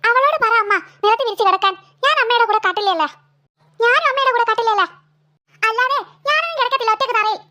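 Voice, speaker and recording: A woman's voice: very high-pitched, fast, bright, forceful tone, a little hiss or hum. A woman voicing two stubborn, bickering young sisters in a cartoon. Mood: whiny. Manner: whiny, stubborn squabbling.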